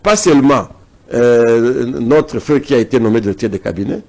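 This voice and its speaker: Creaky and a little mellow, his medium-pitched voice moves at a normal pace. The speaker, a man from South Kivu with a Congolese French accent, is a political interview guest who argues his views forcefully, repeating phrases for emphasis.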